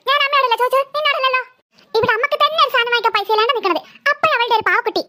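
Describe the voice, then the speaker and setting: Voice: very high voice, racing, sharp tone, a little hiss or hum, full character voice. A performer voicing a teasing older sister who mocks her little sister. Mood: snippy. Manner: snippy, teasing.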